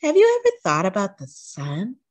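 A woman voicing Gavin, a thoughtful young boy, gentle and wondering, in a storybook read-aloud. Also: medium pitch, huge pitch swings, normal speed, dry recording.

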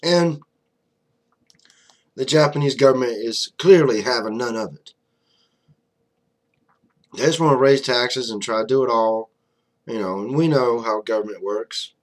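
A blunt young vlogger rants about politics into the webcam on his desk, in a small room with a flag behind him, conversational and packed with fillers like "you know". His mid-range voice runs a little slow with long pauses.

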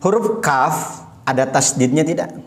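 A man with an Indonesian accent teaching beginners to recite, patiently demonstrating each word slowly and repeating his corrections. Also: a little high, lively intonation. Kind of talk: slow step-by-step recitation lesson.

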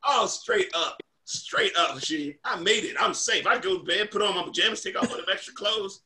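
Bright, playful man telling a story. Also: high-pitched, moderate pace. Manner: playful, slangy, laughs a lot. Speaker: podcast co-host. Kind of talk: casual group chat, storytelling.

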